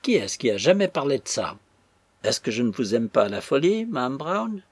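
A man voicing a put-upon young knife-grinder who whines and complains, with a husky voice. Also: medium pitch, big pitch swings, moderate pace, no room sound. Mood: exasperated. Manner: whining, exasperated.

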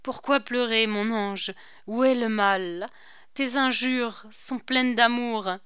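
A woman's voice: on the high side, slow, a bit bright, smooth, no room sound, studio quality. Woman reading as a tender young nobleman.

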